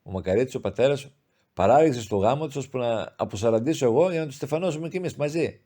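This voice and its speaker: A man's voice: medium pitch, expressive, mellow, close to an everyday voice. A man voicing a grieving, pious older village mother who speaks in plaintive, heartfelt pleas. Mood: reminiscing.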